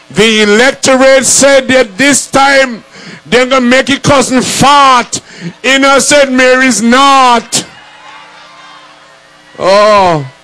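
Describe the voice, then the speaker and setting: A man emceeing a political rally, shouting and calling out to the crowd. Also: very high voice, rough recording. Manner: shouting, call-and-response with the crowd. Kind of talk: rousing political rally speech.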